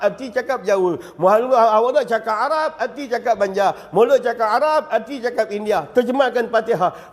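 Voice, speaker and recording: High-voiced Malaysian ustaz in a mosque. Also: male voice. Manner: lively, joking, with acted-out examples. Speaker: religious teacher. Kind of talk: mosque lecture on Sufism. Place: mosque prayer hall. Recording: long reverb of a mosque hall.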